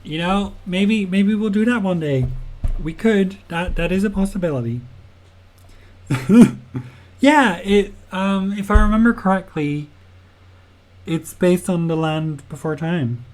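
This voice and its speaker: This young game developer has a high voice, takes his time and pauses often, with a little hiss or hum in the recording. He teaches casually on a livestream, chatty and giggly, thinking aloud with lots of fillers, laughing often and replying to chat.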